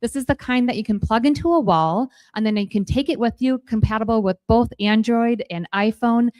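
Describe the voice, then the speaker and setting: Casting: American woman, high voice, addressing a sale as contestant auctioneer, very dry sound. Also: fairly quick, darkish tone, dry recording. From Minnesota, United States. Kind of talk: stage presentation of auction items.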